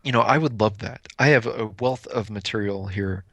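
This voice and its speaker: A man's voice: fairly low pitch, normal speed, gravelly, fairly bright tone, no echo. A man co-hosting a podcast in casual film talk, hesitant and repeating himself often. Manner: hesitant, lots of fillers and repeats. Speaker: podcast co-host.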